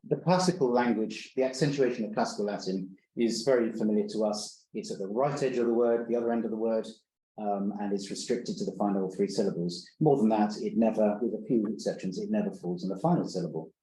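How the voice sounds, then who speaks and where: A man gives an academic conference talk in a lecture room, his voice lowish and mellow. He speaks hesitantly, with frequent fillers and restarts. The sound is roomy, with faint background noise. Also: fast. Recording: roomy lecture hall recording.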